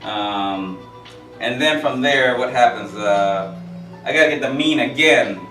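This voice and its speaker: A man's voice: mid-range voice, unhurried, a bit bright, soft background music. A man in his forties teaching a math class, rambling and joking with stories between the steps. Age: 40s. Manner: rambling, jokey, with asides and stories. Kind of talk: classroom lecture. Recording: echoey room, from far off.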